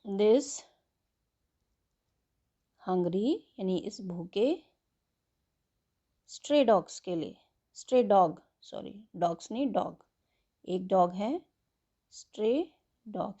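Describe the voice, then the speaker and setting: A woman teaching an English worksheet, slowly spelling words letter by letter and explaining them in Hindi. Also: mid-range voice, lively intonation, mellow, dull audio. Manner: slow and patient.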